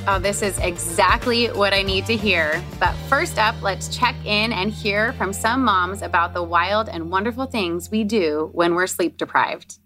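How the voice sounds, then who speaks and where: A woman's voice: mid-range voice, measured pace, few pauses. Chatty mom co-host, upbeat, music playing under her. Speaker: podcast co-host, blogger. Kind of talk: hosted podcast talk.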